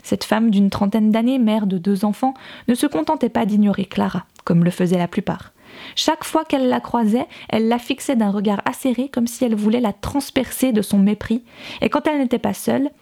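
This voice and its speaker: A woman reading a novel aloud in calm, measured scripted narration. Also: a little high, vocal fry. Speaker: audiobook reader.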